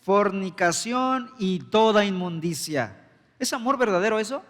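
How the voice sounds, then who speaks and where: A man's voice: high voice, expressive, unhurried, fairly bright tone, big-room sound. A man preaching a sermon as pastor, emphatic and full of rhetorical questions, recorded in a church sanctuary.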